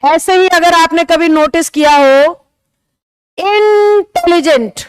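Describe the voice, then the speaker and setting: Speaking in a steady tone, this high-pitched female English teacher walks a class through grammar at a board. Patient and deliberate, she checks comprehension with rhetorical questions and lingers over key example words. It's a close, dry recording with no room sound.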